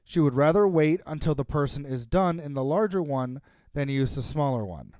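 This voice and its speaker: A man's voice: a little high, expressive, normal speed, a little mellow, dry recording, studio quality. A man co-hosting a casual chat show, reading a story aloud and joking between lines. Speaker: podcast host reading stories.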